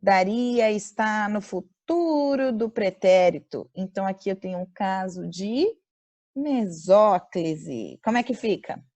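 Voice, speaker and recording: A woman with a Brazilian accent teaching an online grammar class over a video call. She slows down to dictate example sentences and quizzes her students. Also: medium pitch, animated, darkish tone. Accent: Brazilian Portuguese.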